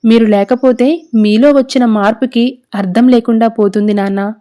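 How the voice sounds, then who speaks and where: A woman's voice: a little high, fairly even intonation, moderate pace, warm tone, natural voice. A woman reading the lines of a defiant young woman who scolds her family, speaking in a firm, reproachful manner, in a serial recap.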